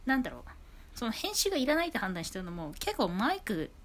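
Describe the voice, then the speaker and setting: A woman talking casually into a phone on a low table at home, her voice high, clear and carrying. She rambles through her thoughts with plenty of fillers and asides. Her pitch moves lively and widely as she talks. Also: fast talker. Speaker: podcast host. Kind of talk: casual solo podcast talk. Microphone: iPhone on a low table.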